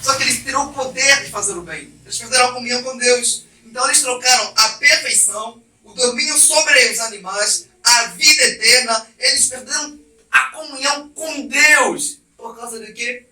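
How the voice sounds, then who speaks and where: A male pastor from Brazil preaching an impassioned sermon, swinging from quiet to loud. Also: very high-pitched, moderate pace, distant mic. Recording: echoey church heard from off mic.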